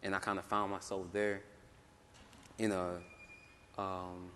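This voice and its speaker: A young man panelist telling his story in a casual way, full of "like" fillers and quick laughs. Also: deep voice, little pitch movement, fairly bright tone, a little hiss or hum. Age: young adult. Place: conference hall. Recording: roomy hall, faint ambience.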